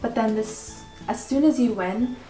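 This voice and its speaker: A woman being interviewed as a pageant winner, chatting casually and haltingly with lots of filler words. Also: fairly high pitch, mellow. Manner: informal, halting, frequent "like" and "you know". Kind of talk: casual question-and-answer chat. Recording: echoey room with background music.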